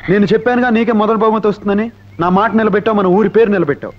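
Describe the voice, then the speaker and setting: An actor playing a cheeky, teasing village lad. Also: male voice, sits high, steady tone, rapid-fire, natural voice. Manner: teasing, boastful. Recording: dull old film soundtrack.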